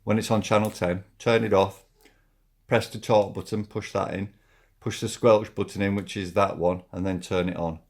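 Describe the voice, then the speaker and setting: A man with a low voice talks through a hands-on product demonstration. His delivery is casual and a little halting, and he repeats himself as he works through each step. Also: steady tone, a little mellow. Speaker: product reviewer.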